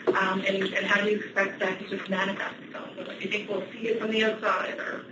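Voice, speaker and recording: A woman's voice: medium pitch, level tone, fairly quick, echoey room, distant mic, noisy background. A woman moderating a teleconference briefing, polite and apologetic.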